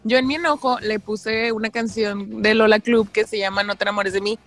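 A woman's voice: medium pitch, steady tone, fairly quick, fairly bright tone, soft background music. A woman, a podcast co-host chatting casually in a teasing, playful way. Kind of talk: casual chat.

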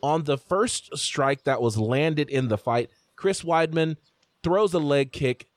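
A man's voice: fairly high pitch, slow, no echo. A man hosting a casual sports podcast, leading the chat and telling stories with restarts. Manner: animated, talks through stories with restarts. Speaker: podcast host.

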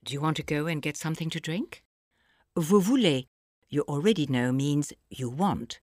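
A woman narrating a scripted audio language lesson, explaining phrases slowly and clearly for the listener to repeat. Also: low-pitched, a little mellow, no room sound, clean studio sound. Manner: slow, clear teaching delivery with pauses for repetition.

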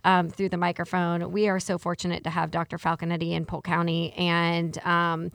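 A woman's voice: fairly low pitch, completely flat delivery, moderate pace, creaky, a bit bright, no echo, clean studio sound. Upbeat woman hosting a podcast. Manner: chatty, upbeat, playful. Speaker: podcast host. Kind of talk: casual podcast interview and read sponsor spot.

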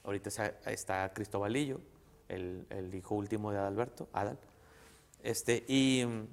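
A man's voice: fairly low pitch, a bit bright. Middle-aged Mexican male comic, rambling slangy storyteller, reverb-heavy sound. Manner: slangy, crude, rambling with many restarts. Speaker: guest comedian. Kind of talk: casual storytelling. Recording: long reverb.

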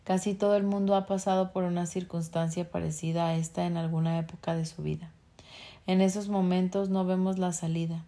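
Woman reader, warm mellow voice, reads self-help text aloud, corrects her own slips. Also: fairly low pitch, level tone. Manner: unhurried reading with small slips and self-corrections. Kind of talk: reading a book aloud.

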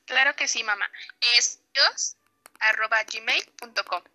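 Woman playing concerned Mexican daughter, high forceful voice, polite and earnest amateur role-play. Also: measured pace, heavily acted. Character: dutiful, concerned adult daughter.

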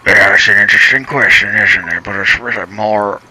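A man's voice: lowish voice, brisk, very noisy. A man improvising a comedy sketch in a teasing, playful way. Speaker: comedy podcast co-host.

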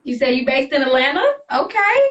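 A woman hosts a casual, hyped-up interview, reacting in a bubbly, slangy way. Her voice sits high, bright and expressive at a brisk pace, and the lo-fi recording has a distant mic with music in the background.

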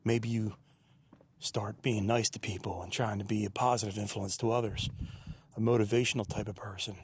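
A man hosting a podcast, musing aloud in a soft-spoken reflective monologue while walking a quiet wooded trail, captured on a handheld digital recorder without a windscreen. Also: fairly low pitch, fairly even intonation, normal speed, husky. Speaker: podcast host. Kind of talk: reflective solo monologue on a walk. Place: outdoors on a quiet wooded trail in a state park.

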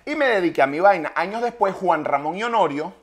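A man's voice: high-pitched, expressive, fairly quick, a bit bright, slight background noise. A Venezuelan man, a comedian, telling jokes in casual chat and acting out the people in them with shifting voices. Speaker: comedian guest.

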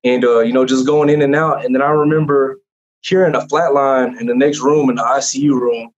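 A young man shares his personal testimony in a casual conversation, his medium-pitched voice steady and fairly quick. He comes across as earnest and rambling, full of fillers and restarts. The recording has a dull, lo-fi quality.

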